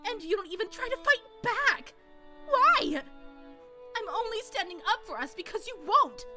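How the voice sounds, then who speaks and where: A woman's voice: very high voice, expressive, a little fast, bright, forceful tone, heavily acted. A woman reading the part of a proud wife berating her husband, with music behind. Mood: aggrieved. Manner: rising, accusing. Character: proud indignant wife, bitter and hurt. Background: music playing.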